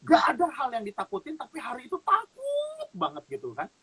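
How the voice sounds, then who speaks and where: A man giving an animated spiritual testimony as a talk-show guest, laughing often as he tells it. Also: extremely high pitch, a little fast, husky.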